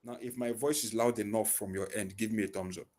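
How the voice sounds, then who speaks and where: A man with a fairly low, steady voice tutors physics online, speaking through a headset on a video call. He talks rather quickly with a slightly mellow tone, asking leading questions and then answering them himself.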